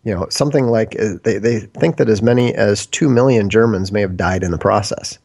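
Brief: male interview guest from Minnesota, low, gravelly voice, rambling delivery. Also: fairly quick, darkish tone. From United States, Minnesota. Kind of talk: casual discussion.

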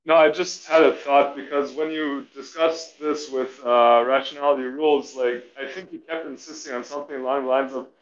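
A man's voice: medium pitch, fairly even intonation, moderate pace, hardly any pauses. A male caller talks hesitantly through a headset, stopping and restarting his thoughts. The audio keeps glitching and garbling. The line sounds muffled and lo-fi. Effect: glitching, garbled call audio. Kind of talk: casual call-in discussion. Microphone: headset over an online call. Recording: dull lo-fi glitching call line.

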